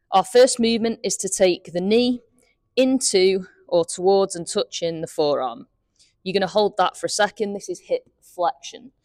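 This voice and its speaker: Woman, golf fitness coach, lowish voice, dry close sound, slightly out of breath, step-by-step cues. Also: darkish tone, dry recording. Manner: clear step-by-step cueing while demonstrating. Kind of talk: instructional exercise demonstration.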